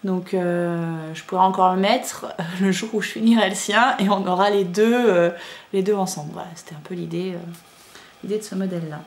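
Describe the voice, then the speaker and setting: A woman's voice: medium pitch, a little fast. Chatty woman with a rambling, filler-laden talk. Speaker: knitting podcaster. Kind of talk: casual chat showing yarn to camera. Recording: echoey room with faint ambient noise.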